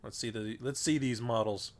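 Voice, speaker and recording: A congested man streams a game and muses casually, his talk loose and full of fillers. His medium-pitched voice keeps a steady tone at a moderate pace, picked up by a desk microphone.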